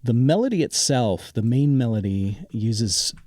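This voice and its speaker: An audio drama composer, interviewed about his music, speaks thoughtfully and searches for words in an animated, unhurried, medium-pitched voice. The recording itself is dry, but loud synthesizer music plays behind him.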